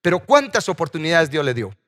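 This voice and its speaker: A man's voice: fairly high pitch, very animated, brisk, fairly bright tone. A man preaching a sermon as pastor, asking his congregation questions as he goes. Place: church sanctuary. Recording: church hall reverb.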